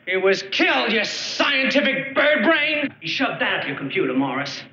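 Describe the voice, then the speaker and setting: A man's voice: a little high, animated, moderate pace, pushed and bright, roomy sound, dull audio. An actor playing a hot-headed, belligerent man who insults and threatens the people around him, on an old film soundtrack. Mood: furious. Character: hot-headed tough male test subject, belligerent.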